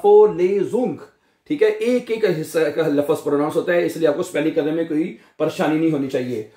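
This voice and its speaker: A man with a Pakistani accent teaching a German vocabulary lesson, drawing out each German word slowly and asking his students questions. Urdu is his first language. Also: sits high, dark tone. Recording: echoey room.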